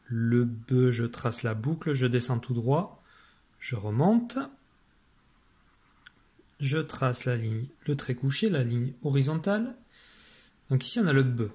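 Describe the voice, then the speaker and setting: A man's voice: mid-range voice, expressive, slow pace, pauses often, a little mellow. A man teaching young children in an online spelling lesson, patiently dictating syllables and spelling out sounds and letters. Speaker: primary school teacher.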